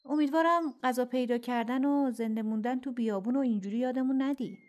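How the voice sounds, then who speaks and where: A woman voicing a young, anxious character in a children's audio story, speaking brightly and fretfully. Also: high-pitched, pitched above the performer's own voice, close to an everyday voice. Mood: worried.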